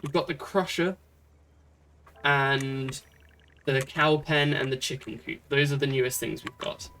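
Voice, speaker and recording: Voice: medium pitch, steady tone, unhurried, fairly bright tone, slight background noise. Chatty streamer thinking aloud. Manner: chatty, thinks aloud, many fillers and restarts. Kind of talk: casual gameplay commentary.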